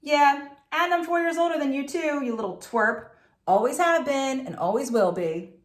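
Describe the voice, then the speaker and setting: A woman's voice: mid-range voice, steady tone, moderate pace, echoey room, natural voice. A woman voicing a smug, mean red-headed older brother who sneers and jeers in a storybook reading. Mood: sneering. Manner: jeering, sneering.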